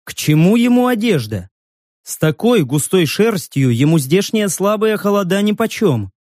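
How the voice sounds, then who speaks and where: A man's voice: sits high, sing-song, normal speed, darkish tone, dry recording. A man reading a first-person story aloud in a dry, wry manner. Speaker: audiobook narrator. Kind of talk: scripted story narration.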